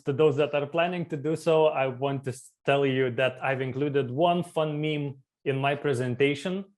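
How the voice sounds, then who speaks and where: A man from Lithuania giving an online conference talk as a startup community co-founder, with many fillers and restarts. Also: medium pitch. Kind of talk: conference talk over video. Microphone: remote video call.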